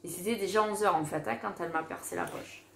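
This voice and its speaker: A woman telling a personal story in a casual, animated way, acting out the dialogue she recounts. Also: medium pitch, quick pace, vocal fry, slight background noise. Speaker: mother telling her birth story. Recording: roomy echo.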